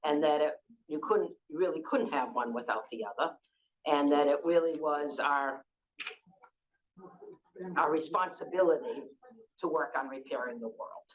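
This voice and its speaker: This Boston-accented woman in her sixties, from Boston in the United States, moderates a conference panel loosely and conversationally, full of fillers and restarts. Her voice sits low and moves at a normal speed with frequent pauses, and the audio is dull.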